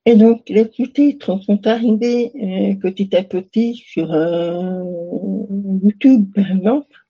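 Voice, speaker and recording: A young woman answers interview questions casually and hesitantly, full of fillers and restarts. Her medium-pitched voice is slow and dark with a breathy edge, and the audio sounds dull.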